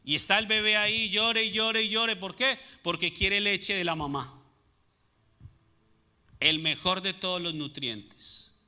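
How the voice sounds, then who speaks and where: Bright-voiced male preacher. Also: high-pitched, a little slow. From Latin America. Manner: preaching with rhetorical questions to the congregation. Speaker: pastor. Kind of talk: sermon.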